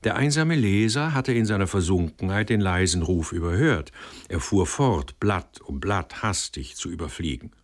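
A man's voice: sits low, expressive, normal speed. A man reading a story aloud as narrator, telling it expressively. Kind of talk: audiobook narration.

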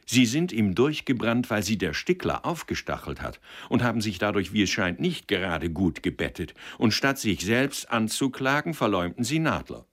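A man's voice: on the low side, very animated, normal speed, hardly any pauses, pitched above the performer's own voice. A man playing an earnest, reproachful young actor. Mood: indignant. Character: firm, principled young male actor defending his director.

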